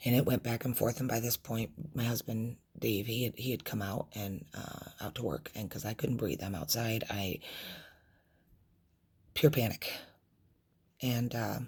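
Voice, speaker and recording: A middle-aged woman vlogs about a loss, telling her personal story haltingly and emotionally with many restarts and trailing phrases. Her voice rumbles low with a darkish tone and a breathy edge.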